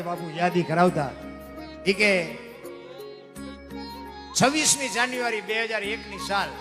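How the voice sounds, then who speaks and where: A man telling a live dayro story on stage, folksy and preachy, calling his listeners bapu. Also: sits high. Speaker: folk storyteller. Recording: reverberant hall with music behind.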